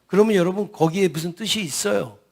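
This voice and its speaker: A man's voice: sits high, fast talker, gravelly. A man preaching a New Year sermon as senior pastor. He tells a story, keeps turning to the congregation, and asks questions that he answers himself. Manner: storytelling, often turns to the congregation with "yes" and "everyone".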